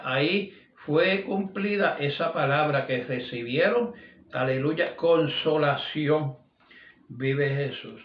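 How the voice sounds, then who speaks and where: A man's voice: fairly high pitch, distant mic. A man preaching a sermon, reading scripture and repeating praise phrases between his lines. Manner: repeats "vive Jesús, aleluya" between phrases; reads scripture aloud, voice rising and falling. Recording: echoey, dull lo-fi sound.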